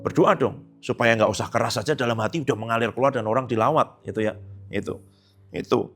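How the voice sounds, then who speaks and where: A man preaches in a relaxed, talkative way at a Sunday church service, with faint instrumental music playing behind him. He teases his listeners and slips into quiet, confiding asides. His voice sits at an ordinary middle pitch for a man. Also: brisk. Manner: chatty, teasing, often drops into a hushed aside. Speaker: pastor. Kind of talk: casual conversational sermon.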